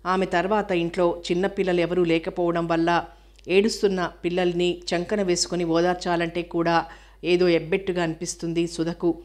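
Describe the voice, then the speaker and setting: A woman narrating a novel aloud in a steady, even storytelling manner. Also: lowish voice. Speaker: audiobook narrator.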